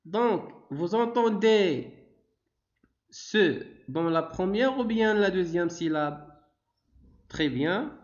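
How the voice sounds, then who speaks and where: Very slow, sing-song Moroccan male teacher. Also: sits high, lively intonation. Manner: drawn-out, sing-song delivery with frequent praise. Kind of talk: slow, deliberate phonics lesson for young children. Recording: dull, lo-fi recording.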